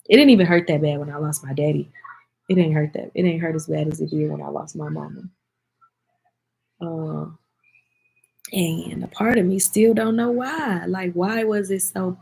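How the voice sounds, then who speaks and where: A low-voiced woman opens up to her viewers in a casual vlog. Her voice is husky and gravelly, and she sounds close to tears. She calls her audience "y'all" and speaks straight to them. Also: a little mellow, poor audio. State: teary-eyed. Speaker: vlogger answering viewer comments. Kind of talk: casual emotional chat.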